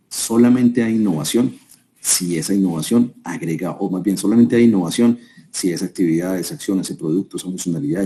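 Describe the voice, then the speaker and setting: A Colombian man from Quindío speaks at a business seminar, addressing a live audience conversationally and posing rhetorical questions. He has a Colombian accent and a low-pitched, mellow voice.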